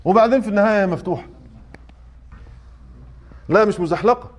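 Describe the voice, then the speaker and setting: High-voiced Egyptian man teaching a class. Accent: Egyptian Arabic. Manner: explains point by point and checks in with the class; chants verse quotes slowly in classical Arabic. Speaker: Quran recitation teacher. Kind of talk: classroom lesson on tajweed. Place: mosque study circle.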